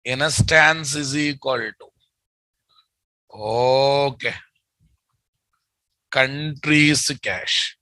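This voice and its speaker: Slow, bright-voiced Telugu-accented male instructor. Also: medium pitch, dry recording, rough recording. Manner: repeats phrases, often checks in with listeners. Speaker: programming instructor. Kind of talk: live online coding lesson, dictating code.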